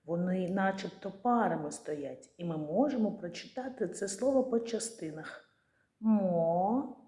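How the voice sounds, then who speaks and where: Female children's teacher, patient, chants drawn-out syllables; mellow, echoey room. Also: on the low side, expressive. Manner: slow and patient, drawing out and chanting words syllable by syllable. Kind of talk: children's speech lesson.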